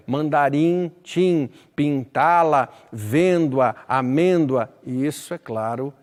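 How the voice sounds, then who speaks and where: A man's voice: mid-range voice, darkish tone. A man teaching a literature lesson, explaining verse and addressing the listener directly with emphatic stresses. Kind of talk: recorded lesson. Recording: long hall reverb.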